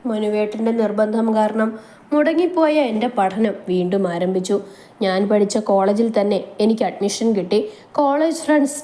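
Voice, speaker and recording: A woman narrating a romantic family story in a calm, even reading voice. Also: medium pitch.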